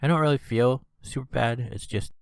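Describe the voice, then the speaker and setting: A man hosts a casual solo podcast with a congested, stuffy nose, rambling and filling gaps with lots of "uh" and "you know". His medium-pitched voice is clean in tone and brisk, recorded dry.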